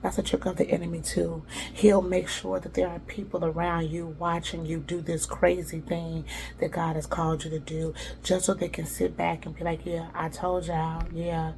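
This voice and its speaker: Lively woman teaching a devotional. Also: lowish voice, moderate pace, vocal fry, slight background noise. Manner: lively, dramatic storytelling with casual slang. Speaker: devotional podcast host. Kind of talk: faith-based motivational teaching.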